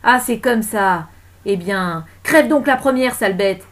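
A woman's voice: on the low side, moderate pace, close to an everyday voice. A woman voicing a furious, humiliated cleaning woman who screams in defiance, in a storybook reading. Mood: enraged.

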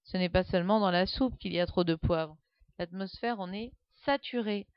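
A woman's voice: medium pitch, normal speed, no echo. Woman reading a children's story. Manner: lively, expressive reading. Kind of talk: scripted children's story narration. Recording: dull lo-fi dry recording.

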